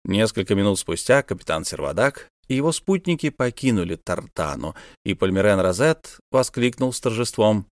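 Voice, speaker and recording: A male narrator reads a classic novel with a lively, dramatic delivery. His pitch moves freely through each sentence. The recording is close and dry, with no room sound. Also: moderate pace, few pauses, dry recording. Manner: expressive, dramatic reading. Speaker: audiobook narrator. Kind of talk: expressive literary narration.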